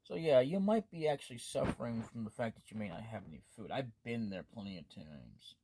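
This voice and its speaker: A man's voice: medium pitch, expressive, a little fast, dark tone, a little hiss or hum. A man doing gameplay commentary, casually rambling and reading the game's text aloud, punctuation included. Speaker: let's play host.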